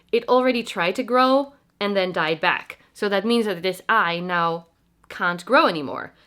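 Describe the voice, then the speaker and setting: A young adult woman who vlogs about plants chats casually to camera indoors at home, her voice stuffy and congested from a cold. Mid-range and fairly bright in tone, she's self-deprecating and explains things as she goes.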